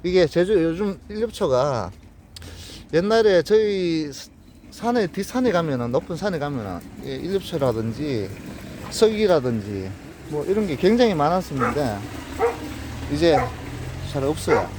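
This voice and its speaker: A man's voice: fairly high pitch, sing-song, noisy background. Gyeongsang-accented man giving a greenhouse tour. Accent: Gyeongsang Korean. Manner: plain, unhurried, pointing things out. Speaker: plant grower showing his greenhouse. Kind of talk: casual walkthrough narration. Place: outdoors and in a greenhouse.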